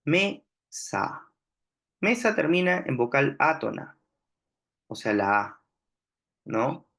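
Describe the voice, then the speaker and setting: A male teacher walks through a grammar lesson at an unhurried, careful pace. His voice sits at an ordinary middle pitch. He keeps pausing to check that his listeners are following. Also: very animated, creaky, a bit bright. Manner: slow, deliberate explaining with frequent checks "¿no?". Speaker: language teacher.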